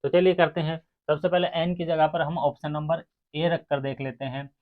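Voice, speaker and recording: In a slightly high voice with flat delivery and moderate pace, a man coaches exam aspirants through maths step by step. He addresses his students directly and counts the sums aloud. The audio sounds muffled and narrow, as if over a phone.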